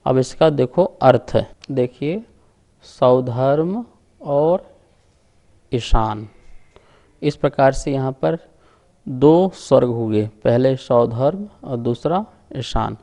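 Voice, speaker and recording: A male scripture teacher speaks in an unhurried, deliberate way and draws out every word. His voice is soft and mellow, and he explains patiently as he leads a class through syllable-by-syllable recitation. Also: medium pitch, expressive, gravelly. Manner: slow, deliberate chanting of sutra syllables.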